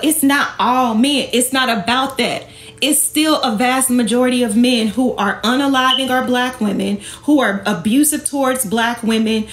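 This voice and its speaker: This online host and women's empowerment speaker of Jamaican heritage fires rhetorical questions at her followers during a heated livestream, sounding sassy, confrontational, emphatic and colloquial. Her fairly high voice carries a roomy sound.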